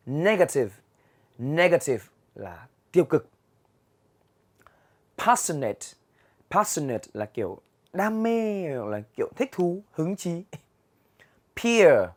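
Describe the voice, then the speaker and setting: Vietnamese man teaching English words. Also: medium pitch. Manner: explains patiently, reads English words aloud slowly. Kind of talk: vocabulary lesson for students. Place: classroom with a chalkboard.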